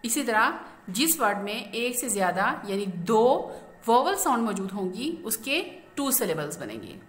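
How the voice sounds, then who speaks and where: A woman teacher explains a grammar lesson slowly, asking questions and then answering them herself. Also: a little high, very animated. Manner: slow, explanatory, asks and answers own questions. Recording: echoey room.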